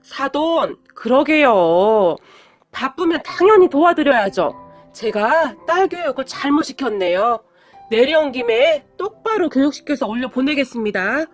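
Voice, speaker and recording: A woman's voice: sits high, lively intonation, moderate pace, few pauses, soft background music. Woman doing a fiery, hot-tempered middle-aged mom. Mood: fake-sweet. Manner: blunt, commanding.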